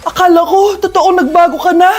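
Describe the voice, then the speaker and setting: Woman acting a shrill, very high-pitched Filipino schoolgirl. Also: steady tone, fairly quick. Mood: furious. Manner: exaggerated, dramatic delivery. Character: melodramatic teenage Filipino schoolgirl, bratty and shrill. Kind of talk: acted short comedy skit. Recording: loud music under the voice.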